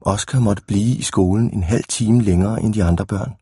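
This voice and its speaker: A man narrating a children's storybook aloud in a calm, even storytelling manner. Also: fairly low pitch, husky, no room sound, clean studio sound. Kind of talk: storybook reading.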